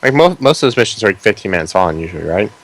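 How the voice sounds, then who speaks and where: On his podcast, a man chats casually about video games, blunt, sarcastic and critical. His voice sits low but is a bit bright, sing-song and racing along.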